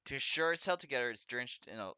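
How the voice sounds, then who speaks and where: Bright-voiced man with a slight lisp. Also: medium pitch, lively intonation, fast, clean tone, no room sound, lo-fi sound. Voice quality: speech impediment, trouble with S and R sounds, a slight lisp. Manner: stumbles over foreign words, self-correcting and chatty. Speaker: let's play host. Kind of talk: casual gameplay commentary, reading game text aloud.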